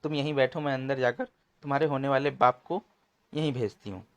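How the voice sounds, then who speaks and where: A man voicing a cunning, scheming village woman who wails and exclaims loudly in a comic storybook. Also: medium pitch, steady tone, a little fast, pitched above the performer's own voice, natural voice. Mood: wheedling. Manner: wailing, exclaiming.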